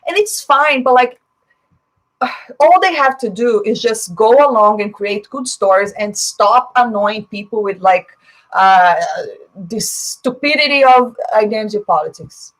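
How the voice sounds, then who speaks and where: The voice is fairly high, a bit bright, and a little slow, coming through a rough recording. It belongs to a Brazilian woman, Portuguese her first language, who chats casually on a live stream, answers viewers' comments, voices opinions freely, and uses frequent fillers.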